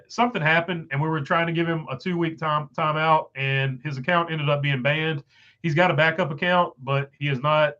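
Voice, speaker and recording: Here a livestream host reads viewer comments in loose, filler-heavy chatter, his nose blocked and his voice giving out. The man's voice sits slightly high and a bit bright, captured in lo-fi sound.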